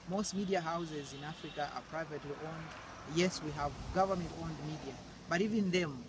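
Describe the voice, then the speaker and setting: An earnest man in his thirties answers interview questions out in a banana field. His voice sits on the high side, and he often repeats a word as he builds a point. Clear outdoor noise runs behind him. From Zambia. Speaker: agricultural journalist.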